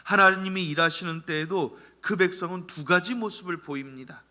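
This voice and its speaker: A man preaching a Sunday sermon, swinging from loud calls down to soft, near-whispered lines. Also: high voice, moderate pace. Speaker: pastor.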